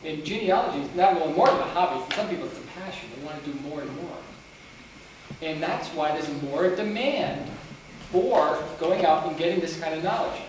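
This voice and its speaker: His voice leans high and his pace is brisk as he delivers a meandering talk on genealogy to a meeting. The accent combines New England with North Country, and he restarts his sentences frequently while addressing the audience. Picked up from afar in a meeting room, the audio sounds roomy with a faint hiss.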